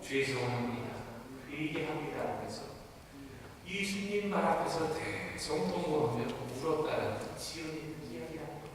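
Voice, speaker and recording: A man's voice: fairly high pitch, moderate pace, noisy background. A man, a pastor, preaching a sermon and telling a story with acted-out voices. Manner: animated storytelling, acting out voices in the tale. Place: church sanctuary. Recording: echoey hall, picked up from far off.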